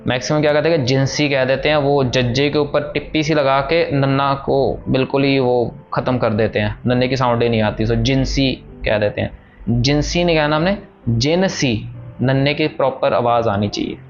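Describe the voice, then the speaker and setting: A man teaching how to pronounce scripture. He explains patiently, then recites each line slowly. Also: mid-range voice, fairly even intonation. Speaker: Gurbani pronunciation teacher. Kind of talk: pronunciation lesson, slow chanted recitation. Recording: dull lo-fi audio with soft music. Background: soft background music.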